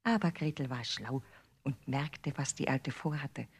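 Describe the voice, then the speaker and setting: A woman narrating a fairy tale in a measured, expressive storybook reading. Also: a bass voice, husky.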